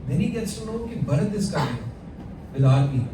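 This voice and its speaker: This discussion leader has a higher-than-average voice, speaks a little fast, and is very animated as he poses questions and laughs a lot in a devotional group at a home gathering. The mic sits far away in an echoey room, picking up background noise.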